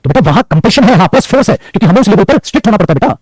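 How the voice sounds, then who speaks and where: Fast, lively teacher, man. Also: high-pitched, slightly rough, dry recording, low-quality recording. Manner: scolding, teasing, calls students beta. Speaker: English grammar teacher. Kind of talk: classroom lecture in Hindi mixed with English.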